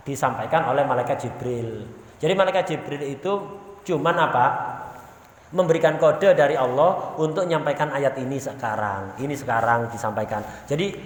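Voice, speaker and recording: A male religious teacher, giving a conversational sermon-style lesson and asking and answering his own questions. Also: a little high. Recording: echoey hall with long reverb.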